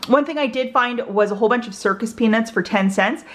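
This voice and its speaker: A woman hosting a casual couponing haul vlog, chatty and excitable, often laughing. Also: on the high side, brisk. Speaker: couponing vlogger.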